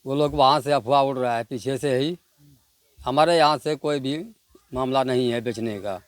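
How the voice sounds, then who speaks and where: A man's voice: mid-range voice, normal speed, clean tone. A man being interviewed, insistently denying everything. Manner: defensive, insistent denial.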